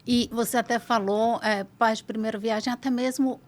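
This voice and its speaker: Brazilian woman doctor explaining calmly. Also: fairly high pitch. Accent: Brazilian Portuguese. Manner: explanatory, measured clinical tone. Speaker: pediatric gastroenterologist guest. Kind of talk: podcast interview.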